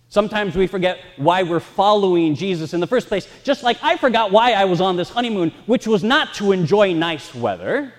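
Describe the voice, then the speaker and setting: A man preaching a sermon, telling lively, self-mocking stories from the pulpit, his voice ringing with a cathedral-like echo in a large church. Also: high voice. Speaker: pastor. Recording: long reverb in a church hall.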